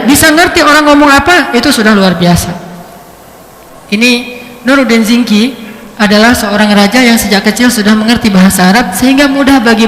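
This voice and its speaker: A man giving a religious lecture, telling stories with lively shifts in pitch. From Indonesia. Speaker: preacher. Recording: echoey hall.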